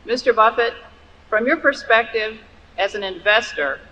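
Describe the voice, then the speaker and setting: Bright woman asking from a big hall. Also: a little high, lively intonation, moderate pace, a little hiss or hum. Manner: polite, formal address. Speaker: shareholder asking a question. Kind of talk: audience question at a floor mic. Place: large hall audience. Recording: distant echoey hall sound, dull.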